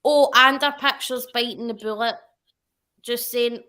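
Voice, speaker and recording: Chatty bright-voiced woman. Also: fairly high pitch, fairly even intonation, a little slow. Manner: chatty, rambling, self-correcting. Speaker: guest. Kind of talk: casual livestream chat.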